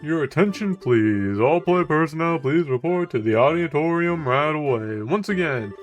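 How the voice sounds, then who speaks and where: A man voicing a formal school festival announcer from a video game, measured in delivery. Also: fairly high pitch, lively intonation, soft background music, voice pushed up, natural voice. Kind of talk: video game dialogue read aloud.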